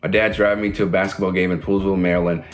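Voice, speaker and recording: A man's voice: deep voice, flat delivery, rapid-fire, faint music behind. A man in his twenties from Washington, D.C., telling a story directly in the present tense. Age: 20s. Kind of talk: personal testimony to camera.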